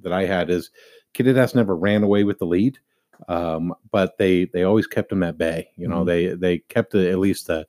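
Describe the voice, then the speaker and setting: A man's voice: low voice, moderate pace, darkish tone. A middle-aged man co-hosting a local sports radio show, talking in a loose, rambling way with lots of fillers. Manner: rambling, many fillers and restarts. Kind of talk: casual sports talk.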